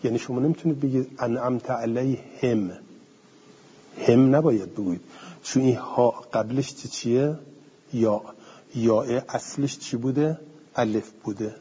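Male teacher, very husky mellow voice, reads a text then explains it, answers his own questions; lo-fi recording. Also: medium pitch. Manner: reads a passage aloud, then explains it conversationally; asks the class questions and answers them himself. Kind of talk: classroom lecture on a classical text. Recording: dull lo-fi recording with long hall reverb.

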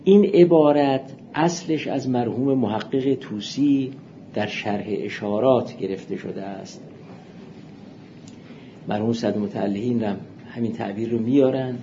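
Man lecturing in a mellow muffled recording. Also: on the low side. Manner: measured explanatory lecturing, reading Arabic quotations. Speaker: philosophy teacher. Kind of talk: seminary lecture. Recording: muffled lo-fi recording with faint hiss.

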